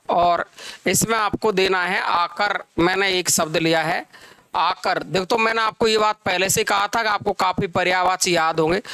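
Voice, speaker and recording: A man teaching grammar, repeating phrases slowly for dictation and asking and answering his own questions. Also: high-pitched, bright, forceful tone, no room sound. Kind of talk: classroom lecture.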